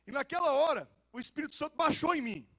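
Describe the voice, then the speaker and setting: A young adult man, a pastor with a Goiás accent, preaching a lively sermon full of jokes, stories and casual slang. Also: very high voice, quick pace, creaky. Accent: Goiás Brazilian Portuguese. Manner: animated and joking, with casual slang.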